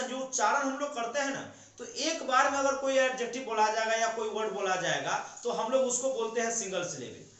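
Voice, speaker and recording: Man, very high voice, grammar teacher, asks and answers himself, heavy room echo. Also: a bit bright. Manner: explains step by step with questions he answers himself. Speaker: English teacher. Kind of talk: classroom grammar lesson. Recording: very echoey room.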